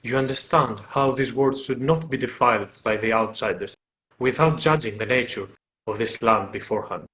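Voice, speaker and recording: A man's voice: medium pitch, moderate pace, bright, forceful tone, muffled recording, natural voice. A man voicing a wise, solemn dragon-like patron creature who speaks like an old sage in a tabletop game. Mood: solemn, stern.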